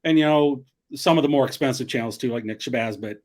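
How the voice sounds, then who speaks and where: Middle-aged man, guest on a chat show, even mid pitch, loose and rambling. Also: quick pace. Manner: rambling, friendly, restarts often. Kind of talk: casual chat.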